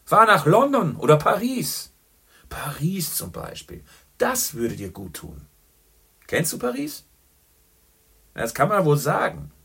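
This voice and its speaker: A man voicing a boisterous, worldly middle-aged journalist who talks loudly and boastfully. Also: fairly high pitch, huge pitch swings, measured pace, creaky, long pauses, husky, voice pushed up, heavily acted. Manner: loud, hearty and boastful.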